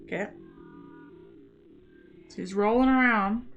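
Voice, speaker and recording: Woman, casual reaction chat, skeptical, thinks out loud, faint music behind. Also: medium pitch, takes it slowly, lo-fi sound. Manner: chatty, skeptical, thinking aloud. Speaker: host reacting to paranormal clips.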